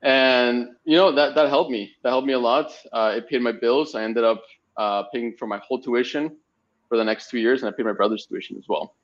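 Podcast guest: young man from Spain, chatty and meandering, mid-pitched, slightly dull lo-fi sound. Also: a little fast. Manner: rambling storytelling with frequent fillers. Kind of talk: casual podcast interview.

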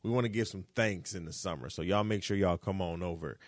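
A man's voice: deep voice, brisk, no echo, studio quality. A man hosting a music podcast in casual, hyped, slangy talk, effusive and repeating phrases for emphasis. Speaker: podcast host.

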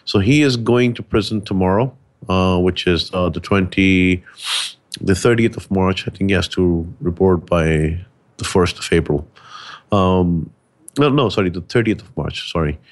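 A man's voice: low voice, normal speed. A man speaking as a guest on a talk show, explaining a story at length with frequent hesitations. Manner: explanatory, hesitant with many uh fillers. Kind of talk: casual chat.

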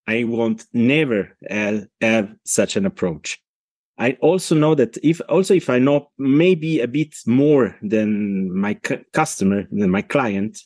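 A middle-aged Italian consultant, a podcast guest with an Italian accent, talks in a casual interview, halting and restarting often. His voice is medium-pitched and a little mellow, with no echo.

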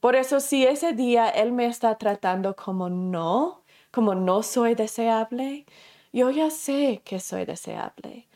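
A woman's voice: fairly high pitch, lively intonation, slow pace, a little mellow. Woman teaching a class in easy conversational speech. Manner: explains through self-questioning and acted examples; conversational, with fillers and self-corrections. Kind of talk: spoken lesson to a class.

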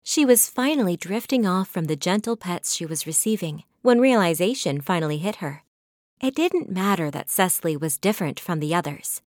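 A woman reading her own children's storybook aloud with gentle, measured storytelling. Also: fairly low pitch, lively intonation, no room sound, studio quality. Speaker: author narrating her own book. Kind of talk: children's audiobook narration.

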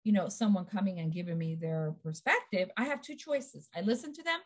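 A middle-aged woman talking as a guest in a casual conversation, telling lively stories and acting out quotes. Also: lowish voice, brisk. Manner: lively storyteller, acts out quotes.

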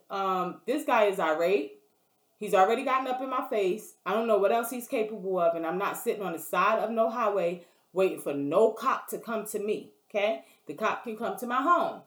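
A woman's voice: mid-range voice, a bit bright. Blunt, profane woman ranting in an echoey room. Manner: blunt, profane, keeps asking "you know what I mean". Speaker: vlogger. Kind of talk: casual storytelling rant. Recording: roomy echo.

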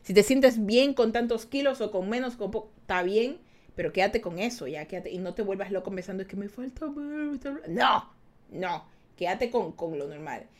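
A woman's voice: mid-range voice, moderate pace. A woman, chatting casually as a streamer reading her live chat, teasing and laughing often. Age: 20s.

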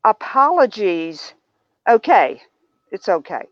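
An older woman talking as an interview guest, animated and acting out the remarks she quotes in shifting tones. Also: medium pitch, slow, no room sound, highs cut off. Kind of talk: casual interview talk.

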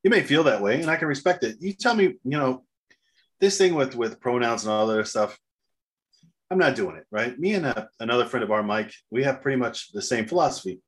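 A man's voice: mid-range voice, animated, brisk. A man in a casual podcast conversation, rambling through his views with swearing and acted-out bits of imagined dialogue. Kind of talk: casual opinionated chat.

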